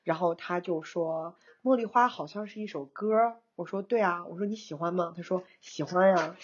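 A young woman chats through a long personal story, animated and quick to laugh, dropping English words as she goes. Her voice sits low and husky. The recording sounds a little dull and lo-fi. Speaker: co-host, screenwriter. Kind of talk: casual storytelling chat.

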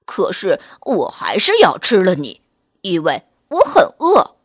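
A woman voicing a big, hungry male gray wolf in a children's story, loud and blustering, slow to catch on. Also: on the low side, wildly swooping pitch, breathy edge, no room sound, studio quality, voice pushed down, full character voice. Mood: gruff.

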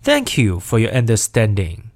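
A man reading formal in-flight cabin announcements aloud for a course, in a measured, formal manner. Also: on the low side, wildly swooping pitch, a little hiss or hum. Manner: measured, formal announcement delivery in two languages. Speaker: language course reader.

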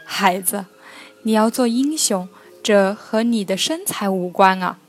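A woman's voice: medium pitch, lively intonation, a little slow, soft background music, natural voice. A woman voicing a kind, patient mother goat in a children's storybook reading, speaking in a soothing, coaxing way.

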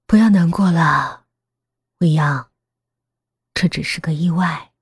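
A soft, chilling mother figure, as a woman puts her on for an audio horror story. She speaks slowly and evenly in a low, breathy half-whisper. The sound is close and dry. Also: no room sound, heavily acted. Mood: cold calm. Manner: flat, calm, half-whispered. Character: calm, sinister middle-aged mother who speaks softly.

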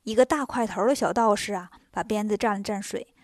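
A woman narrating a children's story in a lively, expressive, scripted manner. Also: mid-range voice, a little fast, no room sound, studio quality.

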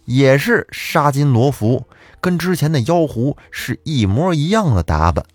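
A man's voice: medium pitch, big pitch swings, a little slow, dry recording, soft background music. A man telling a folk tale in a chatty way, speaking directly to the listener. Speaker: storyteller.

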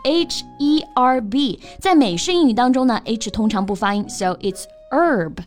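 Woman reading English examples slowly. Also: a little high, expressive, faint music behind. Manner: reads English example sentences slowly, then translates them. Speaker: co-host of an English lesson podcast. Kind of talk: casual bilingual lesson chat.

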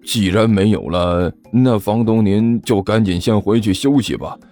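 A man voicing a tired, put-upon male master who talks slowly and sighs in an audiobook. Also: darkish tone, soft background music, natural voice. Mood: weary. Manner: slow, sighing, low-key. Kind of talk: audiobook character voice.

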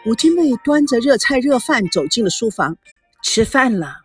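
A woman narrating a family story in an expressive storybook reading. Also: on the high side, a little fast, soft background music. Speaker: audiobook narrator.

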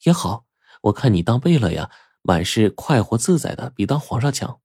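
A man voicing a gentle, earnest young woman who speaks softly. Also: on the low side, normal speed, slightly rough, dry recording, clean studio sound. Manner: soft-spoken, earnest.

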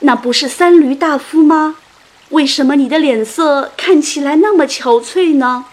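A woman voicing a concerned old fisherman who calls out loudly in a storybook tale. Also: sits high, moderate pace, pitched above the performer's own voice, natural voice. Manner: calling out loudly.

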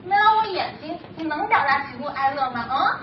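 A woman doing a sassy, vain pair of talking eyes in a very high, insistent voice. It is a live stage crosstalk act. The sound is roomy, muffled and distant, with an audience around. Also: animated, a little fast, background noise. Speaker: crosstalk performer.

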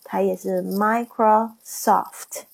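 A woman teaching an English vocabulary lesson on a livestream. She reads word lists, repeats the English terms slowly and explains how to pronounce them. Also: medium pitch, fairly even intonation, vocal fry, low-quality recording.

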